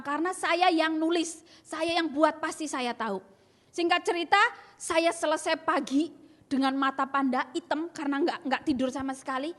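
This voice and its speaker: Young adult woman, high voice, earnest emphatic testimony preacher who acts out dialogue; long hall reverb. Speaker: speaker sharing a testimony. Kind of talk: testimony sermon.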